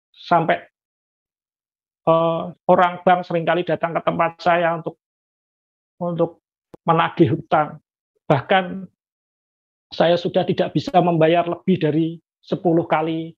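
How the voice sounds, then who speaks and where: Through a dull, lo-fi recording, a man with a fairly high voice and vocal fry shares his personal faith testimony with a congregation. He speaks earnestly and often calls his listeners brothers and sisters.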